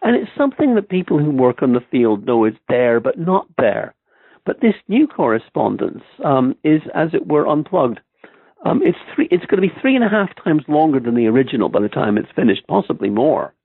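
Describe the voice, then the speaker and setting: A man's voice: on the high side, big pitch swings, a little fast, vocal fry, breathy edge, no room sound. A man with an Irish accent, a historian being interviewed on a podcast, who talks in a hesitant way with many ums and restarts. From Ireland. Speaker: guest historian. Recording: tinny phone-like line.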